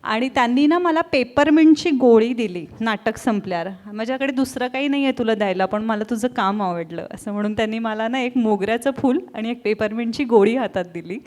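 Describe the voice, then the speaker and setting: Slightly high-voiced woman recalling stage memories. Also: brisk, few pauses, a little mellow. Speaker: actress guest. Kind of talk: casual stage anecdote.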